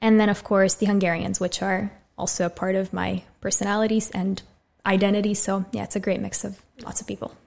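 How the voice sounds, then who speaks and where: A gravelly, medium-pitched woman's voice, a little fast with hardly any pauses. She's an American in her twenties, a medical student appearing as a podcast guest, speaking casually into a boom-mounted studio condenser mic in a small, bright room. Her manner is friendly and relaxed, and she often starts with "so."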